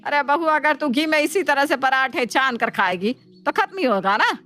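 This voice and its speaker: A woman plays a scheming mother-in-law in a cartoon, always dramatic and whiny. Her voice sits a little high. Faint music plays behind. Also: lively intonation, normal speed, sharp tone. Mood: complaining. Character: middle-aged mother-in-law, scheming and complaining. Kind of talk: cartoon voice acting.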